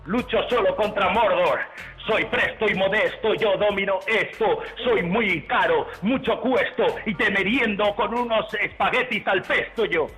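Give me a man putting on a crude, bragging rapper, sharp voice, roomy studio sound. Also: high-pitched, unhurried, soft background music. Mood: boastful. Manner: brags in rhymes, sulks when losing. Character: boastful, crude male rapper who fancies himself an elf archer. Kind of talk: comic radio sketch.

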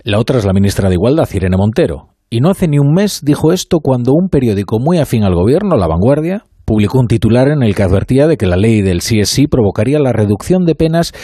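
A radio host from Spain delivering a measured, ironic opinion monologue in a studio, with faint music underneath. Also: male voice, medium pitch, sing-song, mellow, breathy edge, no room sound.

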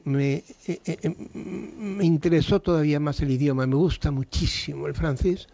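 A man's voice: on the high side, mellow, no echo, dull audio. An older Spanish-speaking man telling stories frankly in a radio interview, with salty words and many restarts. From Spain. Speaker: radio guest.

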